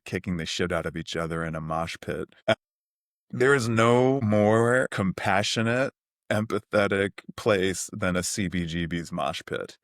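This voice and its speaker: A middle-aged New man with a low, deep voice, recalling his youth in a loose, animated way. He leans on fillers and sidetracks, and the recording is close and dry with no room sound. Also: no echo. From New York City (Queens). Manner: animated, rambling, uses many fillers like "like". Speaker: podcast guest, CEO. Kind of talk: casual storytelling interview.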